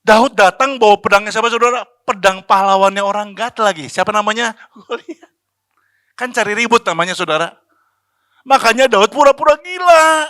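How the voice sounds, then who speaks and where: A man's voice: high voice, normal speed, pushed and bright, smooth, no echo, clean studio sound. A man preaching a sermon as pastor, talking in a chatty, slangy way and asking the congregation questions. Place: church.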